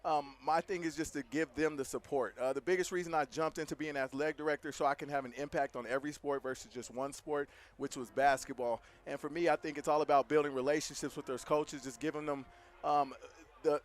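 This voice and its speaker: Athletic director guy out of breath, talks fast and keeps restarting, higher voice, press box at the game. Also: steady tone. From Hobbs, New Mexico. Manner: earnest, frequent restarts. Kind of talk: halftime interview guest.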